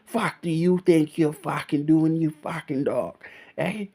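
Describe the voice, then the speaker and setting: A man voicing an angry, swearing old Australian neighbor, with a raised pitch. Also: a little slow, gravelly. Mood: furious. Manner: swearing, aggressive, shouting.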